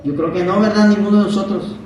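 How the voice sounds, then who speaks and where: A man's voice: high-pitched, fairly even intonation, fast, darkish tone, lo-fi sound, slight background noise. A man preaching a Bible-study sermon, asking the congregation questions and acting out quotes. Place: church hall. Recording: very echoey hall from far off.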